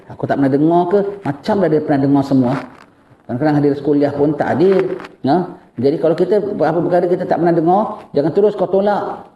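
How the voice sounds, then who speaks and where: An older man with a Malaysian Malay accent giving a lively religious lecture, questioning his listeners. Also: on the high side, muffled recording, a little hiss or hum. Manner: animated, questions the audience, acts out askers. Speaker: religious teacher. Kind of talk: mosque lecture on fasting rules. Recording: echoey room.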